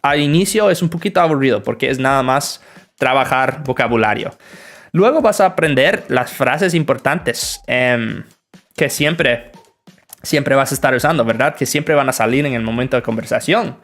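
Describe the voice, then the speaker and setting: A young man from the northern United States with an American accent, hosting a relaxed livestream question-and-answer session as an English teacher, greeting viewers and explaining with examples. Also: mid-range voice, normal speed. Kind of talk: livestream Q&A, bilingual.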